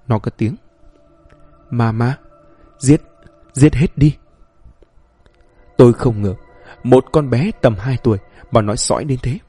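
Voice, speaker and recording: A man narrating a horror story in a steady storytelling voice. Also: medium pitch, slightly rough.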